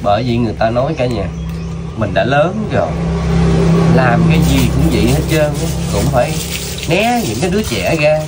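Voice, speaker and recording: A man's voice: medium pitch, big pitch swings, normal speed. Coaxing man interviewer. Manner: gentle, coaxing questions with many fillers. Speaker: vlogger interviewing a child. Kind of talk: casual street interview. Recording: outdoor video with noticeable background noise.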